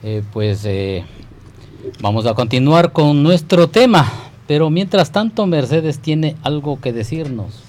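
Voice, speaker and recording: A man's voice: a little high, animated, unhurried, darkish tone. A man hosting a live radio show, chatting casually and hesitating with many fillers. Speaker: radio host. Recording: faint background noise.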